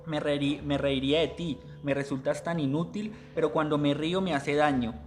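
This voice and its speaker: Bitter, ailing mother, read flat and slow by a man, a touch high. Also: soft background music, close to an everyday voice. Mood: bitter lament.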